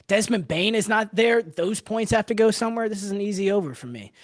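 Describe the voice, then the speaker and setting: A man's voice: sits high, expressive, a little fast, dry recording. A young man co-hosting a casual sports podcast, running segments and firing off lists of player names. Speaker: podcast co-host.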